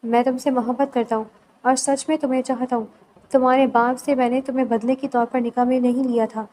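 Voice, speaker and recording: A woman reading aloud the lines of an earnest young husband in a novel, soft and reassuring. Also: high voice, little pitch movement, slight background noise, lightly acted, poor audio.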